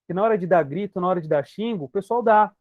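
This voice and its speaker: A man's voice: high-pitched, fast talker, no echo, phone-quality sound. A man with a Brazilian Portuguese accent, a hypnotherapist giving an emphatic teaching talk to an online group, speaking straight to his listeners and repeating his key points.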